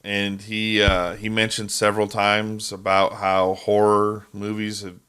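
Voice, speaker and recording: Hombre de voz grave y nítida, charla relajada. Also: male voice, on the low side, completely flat delivery, unhurried, sharp tone, smooth. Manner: rambling, stumbles over names, laughs easily. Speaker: podcast co-host. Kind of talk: casual chat.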